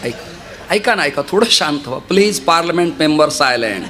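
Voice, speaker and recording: A man's voice: on the high side, normal speed, some chatter behind, slight background noise. A man preaching a kirtan sermon, telling stories and repeatedly urging the audience to listen. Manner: lively storytelling, often urging listeners to listen.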